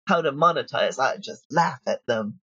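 A woman who creates audio dramas speaks casually as an interview guest, frank, practical and emphatic. Her rumbling low voice is husky, animated and sharp, at a moderate pace. The audio is roomy, dull and lo-fi.

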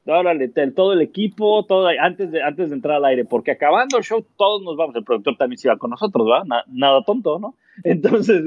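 A man's voice: mid-range voice, no room sound, lo-fi sound. A man, a sports commentator telling stories in a casual interview, acting out quotes. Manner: animated anecdote-telling, acts out quotes.

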